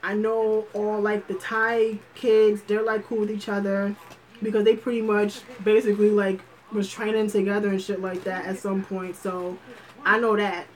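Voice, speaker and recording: A woman holds a casual livestream chat at a mid pitch, talking loosely and thinking aloud as she goes. Her speech is slangy and profane, with lots of fillers and restarted sentences. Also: little pitch movement, moderate pace, poor audio. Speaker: livestream host.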